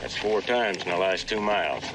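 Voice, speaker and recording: A cold, blunt bounty hunter. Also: male voice, deep voice, lively intonation, normal speed, heavy background noise. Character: hard-nosed bounty hunter tracking a killer. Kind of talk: 1960s TV western acting. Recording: TV soundtrack with loud score.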